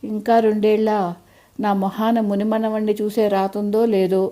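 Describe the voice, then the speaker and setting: A woman's voice: medium pitch, flat delivery, normal speed, mellow, natural voice. A woman reading an audio story, voicing a frail, proud elderly mother who chides and teases in homely, old-fashioned speech. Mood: wry chiding.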